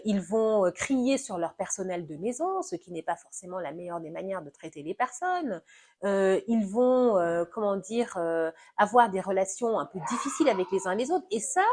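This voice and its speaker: A woman talking through parenting in an animated, explanatory conversation, acting out little examples as she goes. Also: medium pitch. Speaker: guest discussing parenting. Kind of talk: conversational discussion.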